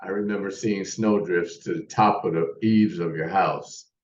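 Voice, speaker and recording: A deep-voiced American man in his sixties speaks at a moderate pace with fairly even intonation, telling his life story as a podcast guest in a rambling, casual interview style full of restarts. The remote mic sounds distant, roomy and muffled, with a little hiss or hum.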